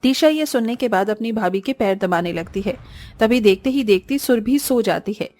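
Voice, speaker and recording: High-voiced woman narrating a story. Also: animated, normal speed, darkish tone.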